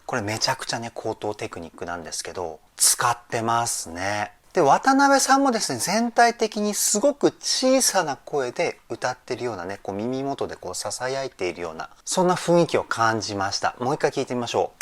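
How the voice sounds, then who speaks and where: A man's voice: medium pitch, wildly swooping pitch, fairly quick, hardly any pauses. A man working as a vocal trainer, giving enthusiastic, polite commentary that analyzes a song's singing and explains vocal terms.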